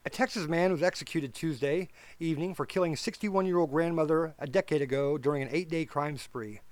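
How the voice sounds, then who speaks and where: Podcast host, male, slightly high voice, reads headlines then goes blunt and sarcastic; dry close mic. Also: brisk, dry recording. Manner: reads news stories aloud, then adds blunt sarcastic commentary; stumbles and corrects himself while reading. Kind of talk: reading news and commenting.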